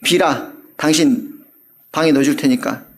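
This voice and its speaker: A man's voice: on the high side, measured pace, voice pushed down. A man voicing a frustrated, childless young wife who pleads insistently with her husband, acted out within a sermon. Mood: demanding.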